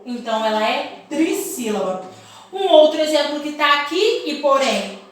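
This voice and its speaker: A woman's voice: sits high, expressive, normal speed, distant mic. A woman teaching young children in a recorded lesson, in a sing-song teacherly tone, stretching words out syllable by syllable. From Brazil. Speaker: primary school teacher. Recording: very echoey room, voice set back from the mic.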